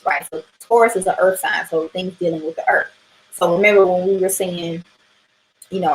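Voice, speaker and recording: A woman's voice: mid-range voice, fairly bright tone, slight background noise, poor audio. A woman talking through a weekly astrology reading in a casual livestream, chatty and loose, swearing now and then and asking "right?" a lot. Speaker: tarot and astrology reader.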